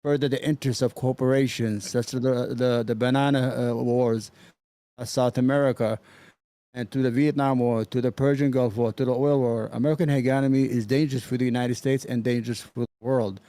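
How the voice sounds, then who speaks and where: رجل بصوت داكن وهادئ، مستوى الصوت متذبذب لأن الميكروفون ينقطع باستمرار، تسجيل جاف بلا صدى. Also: male voice, mid-range voice, steady tone, dark tone, no room sound. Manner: halting, repeats words when stuck. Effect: uneven volume from a mic that keeps cutting out. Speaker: debate guest. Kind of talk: opinion statement in an online debate stream. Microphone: home computer mic with noise gate.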